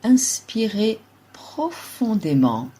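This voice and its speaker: Speaking as a yoga nidra teacher, a woman with a husky mid-range voice leads a relaxation meditation, offering calm, measured directions in brief phrases.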